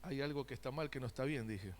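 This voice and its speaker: A man's voice: medium pitch, fast talker, big-room sound, slight background noise. A man preaching a sermon, asking the congregation questions and making joking asides. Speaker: pastor. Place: church sanctuary.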